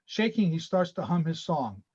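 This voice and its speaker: A man reading screenplay stage directions over a video call in a steady, matter-of-fact way. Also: a little high, moderate pace, husky, muffled recording.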